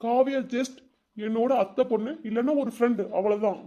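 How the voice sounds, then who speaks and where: A man's voice: extremely high pitch, steady tone, a little fast, dark tone. A man voicing a heartbroken, earnest young village man in a cartoon, pleading and sincere. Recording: dull lo-fi sound.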